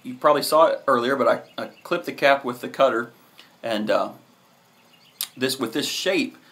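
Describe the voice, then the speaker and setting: Male vlog reviewer, thirties, average pitch, laid-back and halting delivery, speaking casually to a camera at arm's length. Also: fairly bright tone. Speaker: cigar reviewer, host.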